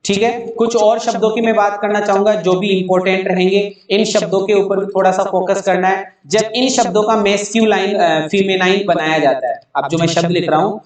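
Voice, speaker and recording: A man's voice: high voice, fairly even intonation, normal speed, hardly any pauses, heavy reverb, far from the mic. A man teaching an online English grammar lesson, spelling words out letter by letter and answering his own questions.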